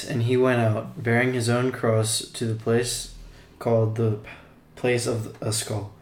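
Male scripture reader, flat monotone delivery, echoey room. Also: mid-range voice. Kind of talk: reading scripture aloud.

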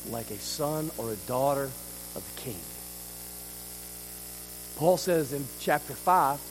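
A man preaching a sermon at a church service, swinging between loud emphasis and quiet intensity and asking the congregation rhetorical questions. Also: a little high, a little hiss or hum, rough recording. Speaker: pastor.

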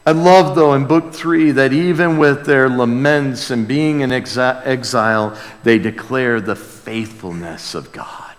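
A pastor addresses his congregation in an unhurried mid-range voice, pausing little. The long reverb of a large room carries his conversational sermon, a call-and-response Bible teaching delivered earnestly and exclamatorily as he dwells on phrases by repeating them.

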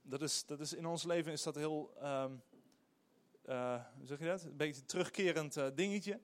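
Speaking at a moderate pace with a fairly high pitch, a middle-aged pastor delivers an emphatic, animated sermon full of hesitations.

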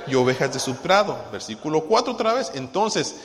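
A man's voice: on the high side, sing-song, brisk. Male pastor preaching with a raised voice, asks the congregation questions and sings a few hymn lines, echoey church hall. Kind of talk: sermon.

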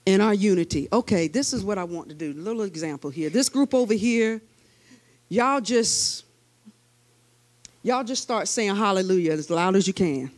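A woman's voice: medium pitch, lively intonation, normal speed. A woman preaching a sermon to a church congregation, leading them in call-and-response chants and using hands-on examples. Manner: demonstrative, uses hands-on examples.

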